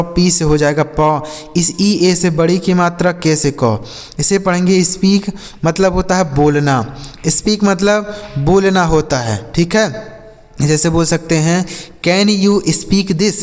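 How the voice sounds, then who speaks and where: A man teaching English vocabulary, spelling each word letter by letter and repeating example sentences slowly. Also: on the high side. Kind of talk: slow spelling and vocabulary lesson. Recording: long hall reverb.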